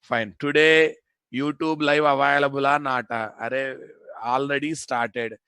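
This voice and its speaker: A man's voice: medium pitch, steady tone, a little slow, bright, forceful tone, clean tone, no echo. A man with a Telugu Indian accent teaching a live programming class, informally bantering with students and repeating phrases and questions for emphasis. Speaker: programming instructor.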